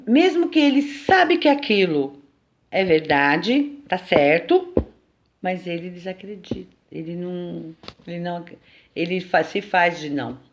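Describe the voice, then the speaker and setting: A woman with a Brazilian accent giving an informal spiritual lesson in a conversational, lively way, often checking in with her listeners. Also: mid-range voice, highs cut off. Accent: Brazilian Portuguese. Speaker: teacher at a spiritual temple.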